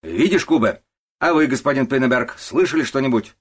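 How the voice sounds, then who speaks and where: A man voicing an angry, bullying warehouse boss who shouts and scolds his workers. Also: mid-range voice, animated, brisk, slightly rough, voice pushed up. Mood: angry, bossy. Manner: loud and scolding.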